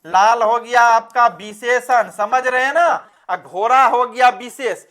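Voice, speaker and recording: An extremely high-pitched man with a fairly bright tone leads an online class slowly. He keeps firing questions at the students, answers them himself, and refers to them as "beta" throughout.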